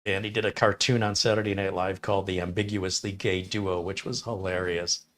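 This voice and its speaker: A middle-aged man hosts a live stream, reading chat and talking casually as he rambles through stories and acts out the lines he quotes in different voices. His voice is low and level, slightly fast, with a bit of brightness.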